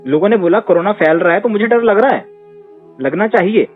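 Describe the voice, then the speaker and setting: A man's voice: sits high, animated, brisk. A man answering questions as a therapist, making his points emphatically with rhetorical questions. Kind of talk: conversational Q&A advice. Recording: tinny phone-line audio with faint music.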